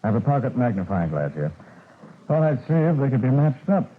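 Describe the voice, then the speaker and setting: An actor playing a calm, shrewd detective reasoning through a case in a 1940s radio drama. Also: male voice, mid-range voice, a little fast. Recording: tinny old radio broadcast.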